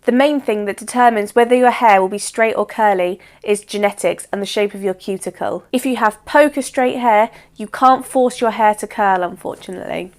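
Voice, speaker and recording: Croaky woman vlogging about hair. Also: mid-range voice, normal speed, few pauses. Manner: chatty and instructive. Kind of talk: explanatory beauty vlog talk.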